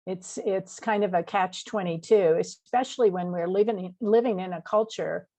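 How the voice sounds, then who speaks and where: A woman's voice: medium pitch, normal speed, warm tone. A woman, a behavioral health specialist, responds in an affirming way and often backs up the other speaker. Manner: affirming, frequent "mm-hmm". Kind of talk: conversational panel discussion.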